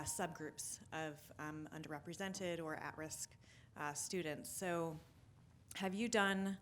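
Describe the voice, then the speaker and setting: A woman's voice: low voice, fairly bright tone, slight background noise. A woman from the audience asking a question, hesitant, with many ums. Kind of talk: question from the floor.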